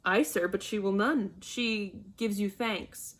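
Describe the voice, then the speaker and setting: A woman's voice: mid-range voice, slow pace. Brief: woman as a cold, curt noble mother, play reading.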